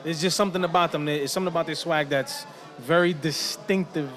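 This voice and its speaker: Fast-talking New York man in his thirties. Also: on the high side, a bit bright. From New York (South Bronx). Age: 30s. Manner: quick, swears casually. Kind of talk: casual chat.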